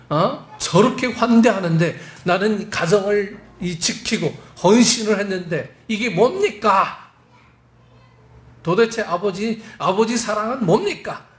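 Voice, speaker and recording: A preacher voicing an indignant elder brother. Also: male voice, high-pitched, lively intonation, slow pace, echoey room. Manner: protesting, accusing. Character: indignant resentful elder brother, young man.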